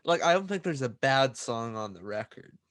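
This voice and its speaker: A young adult man co-hosting a casual music podcast, talking in a relaxed, conversational way and often stumbling at the start of his sentences. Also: medium pitch, moderate pace. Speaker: podcast co-host. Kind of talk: casual chat.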